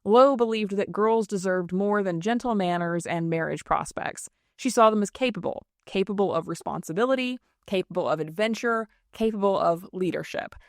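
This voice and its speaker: A woman's voice: medium pitch, normal speed, few pauses, dry recording, studio quality. A woman hosting a history podcast, reading scripted narration in a snarky, irreverent way.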